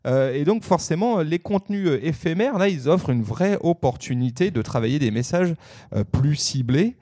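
A man's voice: on the high side, animated, normal speed, mellow, no echo, studio quality. A man co-hosting a casual podcast discussion, talking in a hesitant way with many fillers and restarts.

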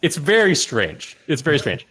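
A man's voice: a little high, huge pitch swings, normal speed, background noise. A man co-hosting a podcast, explaining a story in casual, rambling chat. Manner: rambling, many fillers and restarts. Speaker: podcast co-host.

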